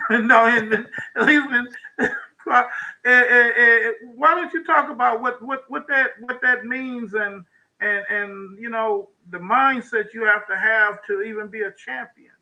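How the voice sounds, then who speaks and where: Man, talk show host, high pitch, very bright tone, halting, repeats words. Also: rough recording. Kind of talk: interviewing a guest over video call.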